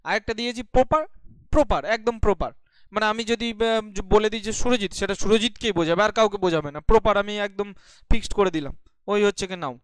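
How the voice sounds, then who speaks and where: A man's voice: high-pitched, fairly quick, clean tone, no echo. A man teaching a grammar lesson to his class, asking questions and answering them himself and checking often that his students follow. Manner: explaining patiently, checking in often. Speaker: English teacher.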